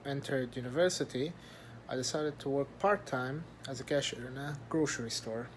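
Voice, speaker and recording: A man's voice: medium pitch, moderate pace, slight background noise, poor audio. A young man, a university student guest, speaking composedly. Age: young adult.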